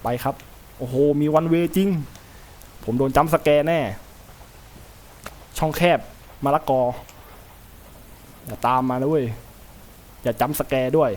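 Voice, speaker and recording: A man's voice: a little high, steady tone, a little slow, long pauses, a little mellow, a little hiss or hum. A man commenting as he plays a horror game, talking to himself and yelping when startled. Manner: jumpy, talks to himself, yelps when startled. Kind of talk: gameplay commentary.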